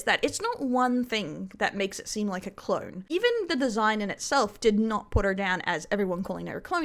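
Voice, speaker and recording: Australian woman narrating a commentary. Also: on the high side. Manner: rambling, self-correcting. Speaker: commentary video host.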